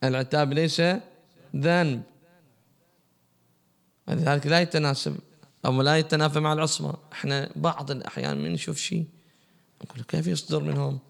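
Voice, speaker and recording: A man's voice: a little high, quick pace, creaky. A man giving a religious lesson, asking his class questions and answering them himself. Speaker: religious teacher.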